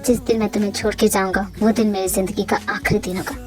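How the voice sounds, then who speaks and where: A woman voicing a tender young husband in a fan audio drama, speaking low and softly to comfort his wife. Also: level tone, fast talker, faint music behind, natural voice. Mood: soothing. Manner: soft, soothing, reassuring. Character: tender, devoted young husband, soothing and calm.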